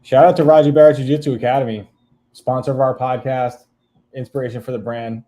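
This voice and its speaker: A man's voice: medium pitch, steady tone, a little fast, mellow. A man hosting a casual podcast, upbeat as he reads out live comments and thanks listeners. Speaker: podcast host.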